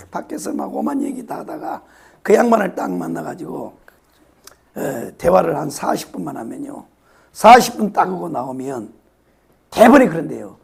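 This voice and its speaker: A hoarse man, preaching a sermon and repeating his phrases with emphasis, sometimes dropping to a whisper. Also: high-pitched, a little mellow. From South Korea, Yeosu-Suncheon area. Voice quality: raspy. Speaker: pastor.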